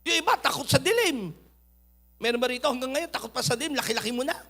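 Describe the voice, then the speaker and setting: A man preaching a sermon, swinging between loud urging and quiet asides. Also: very high voice, expressive, fast talker. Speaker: pastor.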